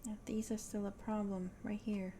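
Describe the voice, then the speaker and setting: Over slight background noise, a Swedish-accented woman, a native Swedish speaker, thinks aloud during a casual puzzle game stream, often slipping into a whisper. Her mid-range voice is level and dark-toned, at a moderate pace.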